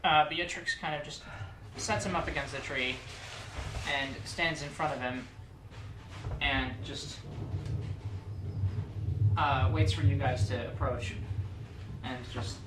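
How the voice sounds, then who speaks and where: A man's voice: mid-range voice, steady tone, slow, pauses often. A man playing a tabletop game in a casual, hesitant way, recorded far from the mic in an echoey, noisy room. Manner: hesitant, fillers. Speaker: player.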